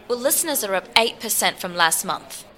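An actress playing a matter-of-fact radio show producer with a dry manner. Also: female voice, mid-range voice, lively intonation, brisk, bright, forceful tone. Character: unflappable woman radio producer, practical.

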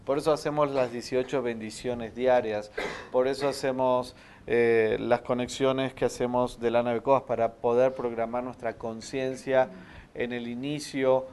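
A man's voice: mid-range voice, flat delivery, unhurried, darkish tone, slight background noise. Guy teaching a spiritual class, patient explaining, keeps asking if everyone's following. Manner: explains patiently, often checks with "¿sí?".

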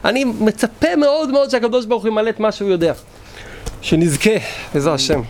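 A man, a rabbi, giving a spirited lesson to prepare for Passover, acting out inner voices as he talks. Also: a crowd in the background. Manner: animated, acts out inner voices with sudden pitch jumps.

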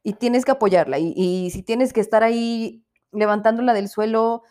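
A young Mexican woman with a fairly high voice rants through a casual spoken review of a series. She swears freely and switches into quick put-on voices to mimic the people she talks about. Her tone is irreverent and unfiltered throughout. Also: warm tone. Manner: profane, ranting, irreverent. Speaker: podcast host reviewing a series.

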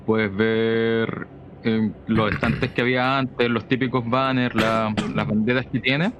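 A man with a Chilean Spanish accent narrating a tabletop role-playing game as game master, calm and measured. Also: mid-range voice. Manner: calm, measured scene description. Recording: dull lo-fi mic with faint noise.

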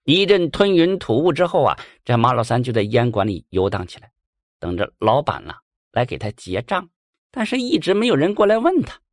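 A man narrating a folk ghost story in a lively, colloquial way. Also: medium pitch, a little fast, no room sound, clean studio sound.

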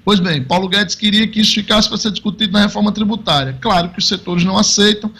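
A man's voice: high-pitched, fast talker, bright, forceful tone, husky. A man, an economics commentator on radio, explaining the news conversationally with frequent check-ins.

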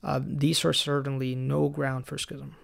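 A man hosting a solo teaching podcast, explaining church history in a calm, lightly wry way. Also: mid-range voice, measured pace. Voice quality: gravelly. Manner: raised in the Coptic Orthodox Church. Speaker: podcast host.

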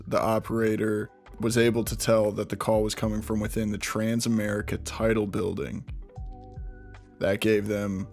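Low, flat-voiced man telling a crime story. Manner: conversational, with frequent restarts and asides. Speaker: true crime podcast host. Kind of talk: casual storytelling narration.

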